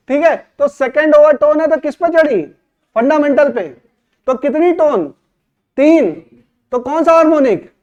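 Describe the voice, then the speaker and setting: A man teaches physics in a classroom lecture, firing questions at his students and answering them himself. His voice sits very high for a man. The recording is dull and lo-fi. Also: darkish tone.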